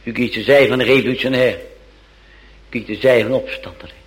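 A man's voice: mid-range voice, fairly even intonation, normal speed, rough recording. A male preacher telling a Bible story as a sermon, dramatic and fond of repeating phrases.

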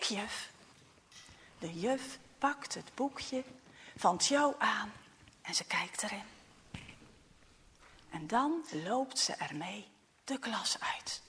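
A woman narrates a children's story at an unhurried pace, often sinking into a hushed, almost whispered tone. Her fairly high voice rises and falls widely to carry the emotion of each moment. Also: long reverb tail, slight background noise.

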